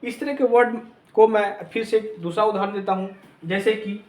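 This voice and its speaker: A man's voice: sits high, fairly even intonation, normal speed, darkish tone, reverberant. A man teaching a lesson, spelling letters out one by one. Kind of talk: classroom lesson.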